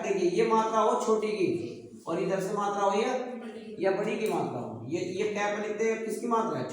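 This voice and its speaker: A male teacher giving a classroom grammar lesson, repeating each point and quizzing his students. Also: high voice. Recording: echoey hall from far off.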